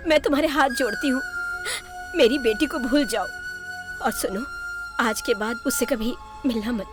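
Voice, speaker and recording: A woman's voice: fairly high pitch, moderate pace, over music, close to an everyday voice. An actress playing a desperate middle-aged mother who begs a young man to keep away from her only daughter, speaking earnestly in a dubbed film. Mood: pleading. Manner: pleading, earnest. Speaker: pleading mother.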